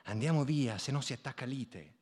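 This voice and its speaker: A man voicing a quiet, decent young working man who speaks earnestly and reassuringly. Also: medium pitch, normal speed, breathy edge, lightly acted. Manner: soothing, earnest.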